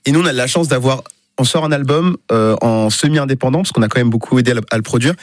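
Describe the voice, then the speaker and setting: A man's voice: medium pitch, fast talker, no room sound, studio quality. A man speaking informally and enthusiastically as a musician in a casual radio interview. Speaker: band musician, interview guest.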